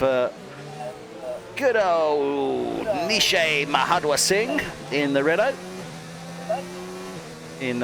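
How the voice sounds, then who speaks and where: A man calls a race in a slow, relaxed, chatty way, laughing at his own mistakes. His home mic carries a clear, steady hiss of noise behind him. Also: medium pitch. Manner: chatty, self-deprecating, laughs often. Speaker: lead commentator. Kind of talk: casual amateur race commentary.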